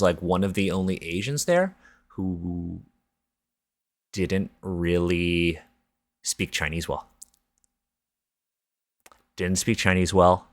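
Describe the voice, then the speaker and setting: A Toronto-born man with a Canadian accent hosts a podcast, talking casually in a candid, informal, reflective way. His voice is low and a bit bright, and the recording is dry.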